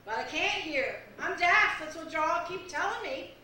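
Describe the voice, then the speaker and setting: Woman doing a muddled deaf old lady, really high bright voice, echoey stage from way back. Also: animated, unhurried, distant mic, a little hiss or hum, exaggerated voice. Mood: fussy. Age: older. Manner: scatterbrained, loud and complaining. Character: hard-of-hearing older woman, muddled and fussy.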